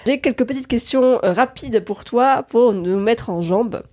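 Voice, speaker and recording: A woman hosting a podcast interview, chatty and quick to laugh, with plenty of fillers. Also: fairly high pitch, a little mellow. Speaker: podcast host. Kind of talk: casual interview.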